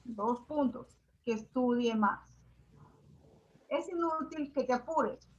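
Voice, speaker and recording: A woman reading a class presentation on punctuation, slowly and carefully going through examples. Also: on the high side. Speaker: student presenter. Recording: dull lo-fi audio.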